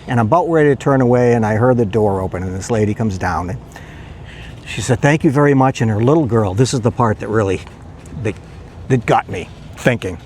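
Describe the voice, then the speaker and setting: A man's voice: medium pitch, a little mellow, slight background noise. An older man telling a rambling, self-deprecating story in a casual vlog. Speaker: retiree vlogger and pizza delivery driver.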